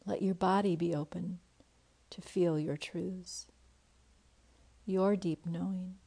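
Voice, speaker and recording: A woman guides a meditation at a very slow, unhurried pace. Her voice is soft and breathy, often sinking into a whisper. Its tone is low and mellow. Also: fairly even intonation.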